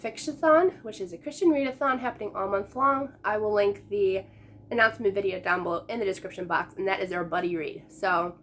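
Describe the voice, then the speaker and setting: A woman in her late twenties, a book vlogger chatting casually to camera, sick and a little hoarse, upbeat and laughing often. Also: mid-range voice, brisk, fairly bright tone, slight background noise. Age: late 20s. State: sick, voice going.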